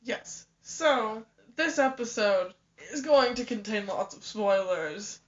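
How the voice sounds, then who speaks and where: Slow-talking giggly young woman. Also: on the high side, animated. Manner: giggly, explaining, hesitant. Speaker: podcast co-host. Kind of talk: casual podcast chat. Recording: dull lo-fi home recording.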